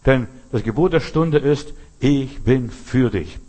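A man's voice: mid-range voice, slow pace, mellow, husky. A man preaching a sermon, emphatic and speaking straight to the listener with rhetorical questions.

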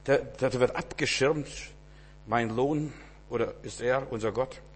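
A man preaching a sermon to his congregation, swinging between loud emphatic cries and low hushed asides, repeating words for emphasis. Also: measured pace, long reverb tail, a little hiss or hum.

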